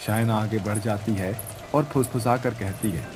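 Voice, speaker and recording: A man narrates a cartoon story with a low, mellow voice. His delivery is measured and even, that of a scripted storyteller. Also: a little hiss or hum.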